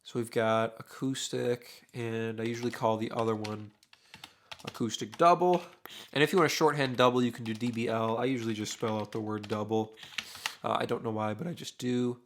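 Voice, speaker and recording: There's a little hiss or hum on this casual screen-recorded tutorial, where a young mixing engineer talks at a moderate pace in a medium-pitched voice. He is losing his voice, which sounds a bit worn, and he thinks aloud in a relaxed way, full of uhs, while working. Drums are set up behind him in his home studio.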